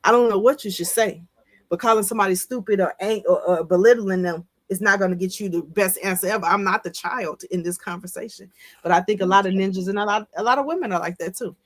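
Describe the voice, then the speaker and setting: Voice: mid-range voice, quick pace. Frank conversational podcast voice. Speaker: podcast co-host. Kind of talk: casual podcast chat.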